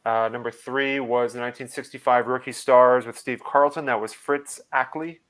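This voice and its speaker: Brief: man, trivia host on a video call, smooth clear tone, halting with fillers. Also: medium pitch, steady tone, fairly bright tone. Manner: hesitant, many fillers and restarts. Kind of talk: live online quiz hosting.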